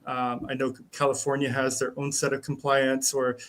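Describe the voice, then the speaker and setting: A man, a software engineer appearing as a guest, explains a technical topic. He speaks at a middle pitch and fills his pauses with frequent ums. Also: completely flat delivery.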